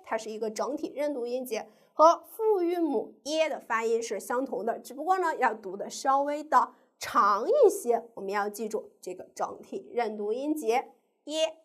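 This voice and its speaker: A woman with a high voice teaches a lesson to young children. Her pitch swoops up and down a lot. She asks the class questions and stretches out each sound in a sing-song way. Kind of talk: primary school pinyin lesson.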